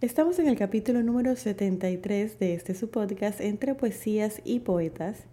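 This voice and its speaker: A woman presenting a poetry podcast as scripted narration, in a formal, measured manner. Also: medium pitch, warm tone. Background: background music.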